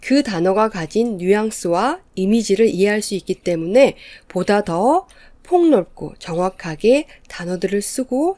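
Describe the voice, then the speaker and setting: A woman lecturing as an English teacher, explaining in an even, measured way. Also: mid-range voice, no room sound. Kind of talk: scripted lecture narration.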